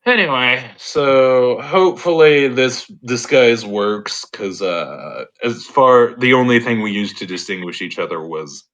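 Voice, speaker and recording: Slow, bright-voiced man playing a tabletop game. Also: mid-range voice, animated, highs cut off. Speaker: tabletop RPG player. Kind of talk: casual online tabletop game chat.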